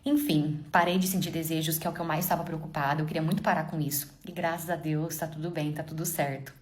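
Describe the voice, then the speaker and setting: A woman's voice: deep voice, fairly even intonation, quick pace, a little mellow. A woman, chatting casually as she retells a follower's story and talks straight to her listeners. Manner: chatty, addresses listeners as "gente".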